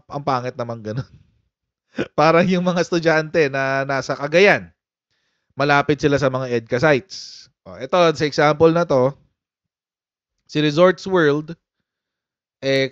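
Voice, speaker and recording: A man's voice: fairly high pitch, clean tone, no room sound. A man hosting a casual live-stream political commentary, chatty and laughing often as he talks to his viewers. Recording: dull, muffled lo-fi sound.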